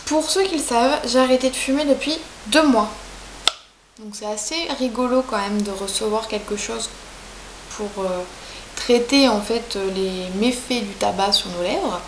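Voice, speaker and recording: A young woman with a fairly high voice talks through beauty products in a loose, chatty review, often stopping on fillers. Her voice bounces around an echoey room, with a faint hiss underneath. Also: normal speed. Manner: chatty, hesitant, many fillers. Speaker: beauty vlogger.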